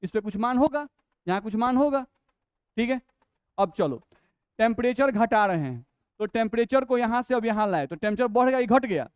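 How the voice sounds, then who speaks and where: A man with a Bihari Hindi accent teaching a chemistry lesson step by step, asking questions and answering them himself, and reading English definitions out slowly. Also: very high voice, lively intonation, clear, resonant tone, dry recording. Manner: explains step by step, asks and answers his own questions. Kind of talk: classroom lecture.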